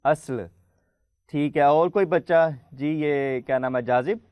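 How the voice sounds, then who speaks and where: A man hosting a children's program, patiently quizzing the kids and slowly spelling out letters for them to pronounce. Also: fairly high pitch, smooth, no room sound, highs cut off. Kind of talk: friendly studio hosting for children.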